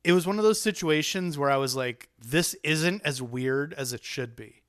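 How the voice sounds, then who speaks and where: Male podcast host, medium pitch, rambling casual chat, dry close sound. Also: moderate pace, no room sound. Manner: rambling, self-interrupting, animated.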